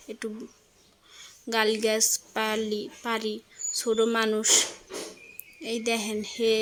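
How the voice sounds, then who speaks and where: A young woman speaking with a Barishal accent, chatting in a casual home vlog about her chores and her small children, often checking in with the viewer. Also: fairly high pitch. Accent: Barishal dialect of Bengali. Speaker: vlogger.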